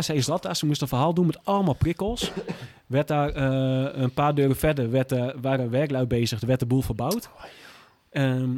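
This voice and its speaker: A man's voice: mid-range voice, a little mellow, no room sound. A man in a candid interview who speaks bluntly and plainly and often swears. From Groningen. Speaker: guest, former police officer.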